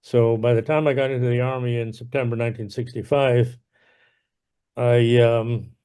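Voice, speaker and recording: Older man from ireland, interview, slow recollection, lots of "uh" and restarts, chuckles as he goes. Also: mid-range voice, little pitch movement, dark tone, clean tone. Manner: unhurried, many fillers and restarts, chuckles often. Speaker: interviewee, veteran. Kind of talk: casual oral history interview.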